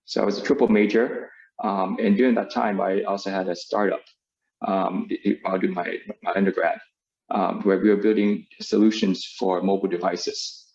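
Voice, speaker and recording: A man in his forties, born in Vietnam and raised in the US, presents a webinar talk as a business school professor on a video call, full of fillers and restarts. He sounds low-pitched and slightly mellow, with vocal fry, a level tone, and normal speed. His video call microphone produces dull, lo-fi sound.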